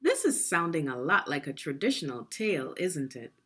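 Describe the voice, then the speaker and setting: Reading a story to children, this woman teacher speaks in a low-pitched voice with a breathy edge. She is expressive and deliberate, teaching as she goes and pausing to ask guiding questions.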